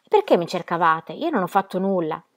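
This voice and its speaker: A woman's voice: on the low side, big pitch swings, fairly quick, a bit bright. A woman reading as a restless young laborer, urgent and pleading. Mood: defensive. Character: man, restless young laborer, devoted husband.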